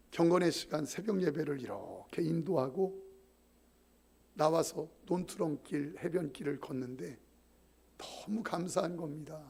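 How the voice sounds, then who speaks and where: A man's voice: a little high, gravelly, a little mellow, husky. A male pastor preaching, telling a story animatedly and acting out voices. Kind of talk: sermon. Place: church sanctuary.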